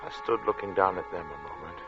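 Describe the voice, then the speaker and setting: Low and close to an everyday voice, this actor narrates as a male artist haunted by a strange, oppressive hot day, the mood brooding and dreamy. It's a deliberate, dramatic 1940s radio performance with weighted pauses, heard through a dull vintage recording with loud music.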